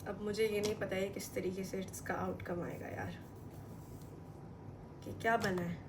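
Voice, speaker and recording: A woman's voice: mid-range voice, unhurried. A young woman in her twenties vlogging in a casual, chatty way, switching often between Hindi-Urdu and English. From Pakistan. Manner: chatty, excitable, switches between languages mid-sentence. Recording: noisy home recording.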